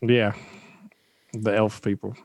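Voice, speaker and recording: A man's voice: lowish voice, level tone, takes it slowly, a little mellow, breathy edge, no echo. A man co-hosting a casual chat, rambling and joking and laughing often.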